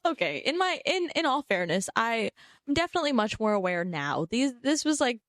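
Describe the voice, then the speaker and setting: Lively young woman podcast co-host. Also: a little high, brisk, no room sound, studio quality. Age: 20s. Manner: animated storyteller, laughs often. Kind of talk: casual chat.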